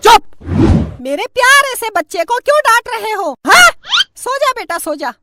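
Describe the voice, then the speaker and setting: A woman voicing a sharp-tongued cartoon wife who scolds her husband and defends her child. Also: very high voice, sing-song, moderate pace, over loud music, pitched above the performer's own voice, heavily acted. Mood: scolding. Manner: scolding, taunting, nagging. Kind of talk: comic cartoon voice acting.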